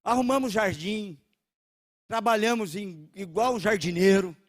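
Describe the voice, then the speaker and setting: A man's voice: high voice, unhurried. A middle-aged man from Brazil, a pastor telling a testimony in a sermon, acting out the dialogue as he goes. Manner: animated storytelling, acting out dialogue.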